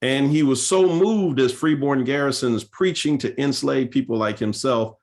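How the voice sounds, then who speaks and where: A man's voice: medium pitch, moderate pace, darkish tone. A male pastor speaking at a seminar, telling church history in an earnest, storytelling way with frequent fillers and restarts.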